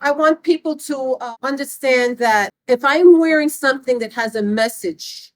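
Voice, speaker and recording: A woman with a fairly high voice explains things earnestly and with emphasis. The recording is dry and close. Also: normal speed, no room sound, rough recording. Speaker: interviewee. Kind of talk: street interview.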